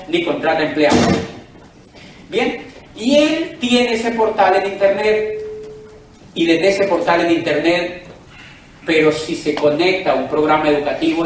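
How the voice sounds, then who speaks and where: A Colombian man gives a persuasive sales presentation to a live audience, putting questions directly to them. His voice is high-pitched and captured from a distance in an echoey room, with slight hiss or hum.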